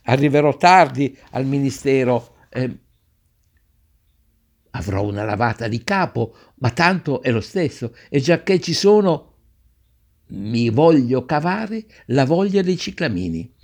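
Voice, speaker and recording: A man's voice: medium pitch, expressive, unhurried, darkish tone. A man reading a story aloud and voicing a cheerful, carefree woman office clerk who talks in a giddy, lilting way. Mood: delighted.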